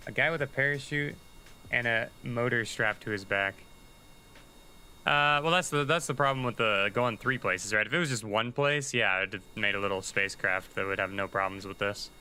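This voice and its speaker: A man's voice: fairly low pitch, moderate pace, pushed and bright, slight background noise, rough recording. A man giving casual, chatty commentary while livestreaming a game, thinking aloud and muttering asides to himself. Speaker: livestreaming gamer.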